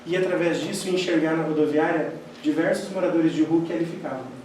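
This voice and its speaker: A man gives a spiritist lecture, telling animated personal stories and acting out the dialogue. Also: fairly high pitch, fairly quick. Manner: animated storyteller who acts out quoted dialogue. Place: lecture hall of a spiritist center. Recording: very echoey hall, distant mic, faint noise.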